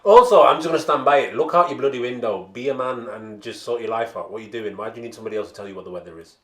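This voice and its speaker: A man's voice: mid-range voice, rapid-fire, roomy sound, crowd noise. A man co-hosting a comedy podcast, grumbling and ranting about the world in casual chat. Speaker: podcast co-host.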